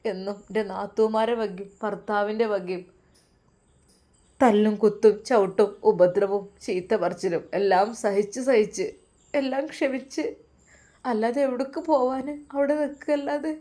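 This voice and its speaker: A woman's voice: medium pitch, fairly even intonation, normal speed, warm tone, natural voice. A woman doing a tearful, downtrodden young woman. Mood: sorrowful pleading. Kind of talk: storytelling voice acting.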